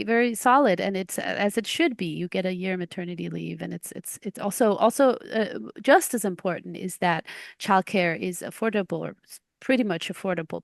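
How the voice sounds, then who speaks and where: Panel guest: woman, 40s, grew up in Denmark, gravelly and dry, halting with restarts. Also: mid-range voice, no echo. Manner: halting, many restarts and fillers. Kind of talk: panel discussion.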